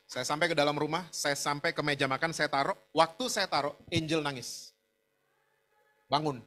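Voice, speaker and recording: A man's voice: fairly high pitch, steady tone, moderate pace, sharp tone. A middle-aged man preaching a sermon, telling a personal story with frequent asides to the congregation. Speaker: pastor.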